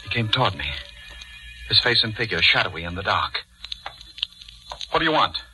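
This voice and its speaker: On an old 1940s radio drama recording with music and poor audio, a man plays a guilt-ridden, haunted judge narrating his crime and growing increasingly panicked. His fully acted character voice is fairly low, sing-song, pushed and bright, at a moderate pace. The delivery is intense and dramatic, the mood brooding and tense.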